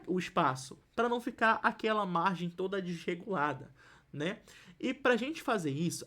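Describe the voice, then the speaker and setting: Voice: mid-range voice, fairly bright tone. A teacher with a Brazilian accent, giving an online lesson and explaining while writing. Patient, repeats each example and keeps checking that students follow. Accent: Brazilian Portuguese.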